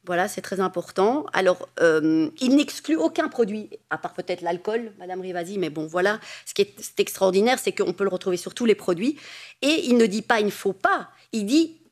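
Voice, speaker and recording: A woman's voice: medium pitch, animated, normal speed. A woman giving an expert seminar presentation, explaining her points with emphatic asides.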